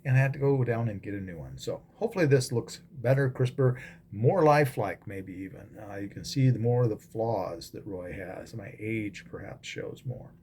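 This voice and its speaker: A man's voice: on the low side, normal speed, a little mellow, a little hiss or hum. A man, a pastor, giving a casual devotional talk with frequent ums and restarts, recorded as a phone video.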